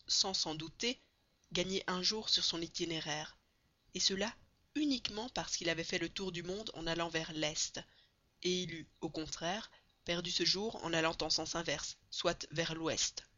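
Woman audiobook narrator, lower pitch but bright timbre, expressive, slightly muffled recording. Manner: expressive reading, building excitement at dramatic moments. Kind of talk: scripted narration of a classic novel.

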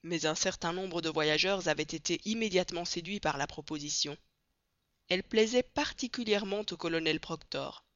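A narrator reading a classic novel aloud in a measured, clear storytelling manner. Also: mid-range voice, fairly bright tone, no room sound. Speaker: audiobook narrator. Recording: dry, dull lo-fi read.

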